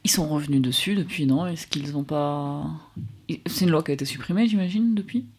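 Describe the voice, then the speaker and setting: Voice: medium pitch, brisk, breathy edge. A radio co-host in the studio who asks questions and explains. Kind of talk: radio talk segment.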